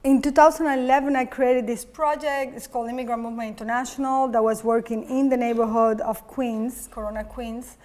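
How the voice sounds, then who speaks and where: Woman from Cuba, native Spanish speaker, artist talk, somewhat high voice, halting and searching. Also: little pitch movement, darkish tone. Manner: halting, searching for words with many fillers. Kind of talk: public talk. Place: gallery talk before an audience.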